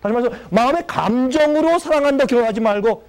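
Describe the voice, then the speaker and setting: High-voiced man preaching a story sermon. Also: fast. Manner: animated, acts out the people in his story. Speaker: pastor.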